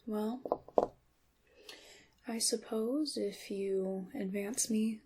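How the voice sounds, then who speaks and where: Speaking very slowly in a steady, mid-range voice, a woman voices an ancient, enigmatic witch who runs a shop in an ASMR roleplay. Her soft, breathy delivery often slips into whispers, and her polite, antiquated wording carries a coy, wry, somewhat reluctant mood.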